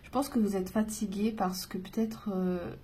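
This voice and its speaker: A woman giving a casual spiritual card reading, chatty and rambling, reassuring her viewers and breaking off with giggles and soft whispers. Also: mid-range voice, fairly even intonation, moderate pace, a little hiss or hum. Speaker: oracle card reader.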